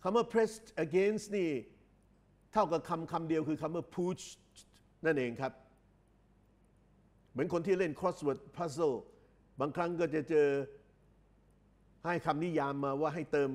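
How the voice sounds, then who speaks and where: A man lectures, pitched a bit higher than most men. He explains at an unhurried pace, repeats phrases and stretches out English words for clarity. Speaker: English exam tutor. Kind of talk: recorded lecture.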